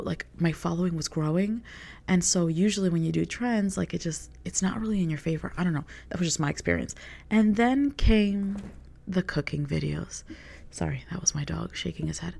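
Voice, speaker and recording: A woman's voice: lowish voice, vocal fry, mellow. A young woman, a content creator, talking casually in a rambling podcast monologue, filling her sentences with "like". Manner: rambling, heavy use of "like" as filler.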